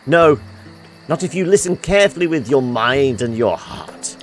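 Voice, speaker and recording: A man reading game dialogue aloud as an earnest, courtly admirer who flatters with old sayings. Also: mid-range voice, normal speed, natural voice. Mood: admiring. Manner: flattering, proverb-quoting. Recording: music behind the voice.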